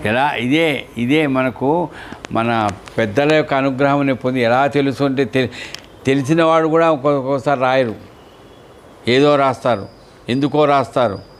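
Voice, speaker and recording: A man's voice: medium pitch, moderate pace, pauses often, slight background noise. A man giving a devotional discourse, telling stories and asking and answering his own questions. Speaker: spiritual discourse speaker.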